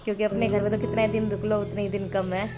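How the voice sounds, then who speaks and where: A woman's voice: mid-range voice, level tone, fast talker. A woman in her thirties narrating her own vlog in a chatty, sentimental, storytelling way. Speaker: vlogger. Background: loud guitar music.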